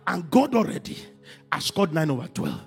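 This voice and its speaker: A man preaching a sermon, moving from quiet talk to shouted, sing-song emphasis. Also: a little high, wildly swooping pitch, moderate pace, gravelly, faint music behind. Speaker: pastor.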